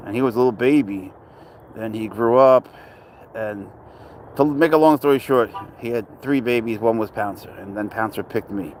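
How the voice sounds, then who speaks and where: A livestream host who grew up in Spain rambles casually as he reads out viewers' comments and answers the chat questions aloud. His voice is lowish with a darkish tone, and there's slight background noise.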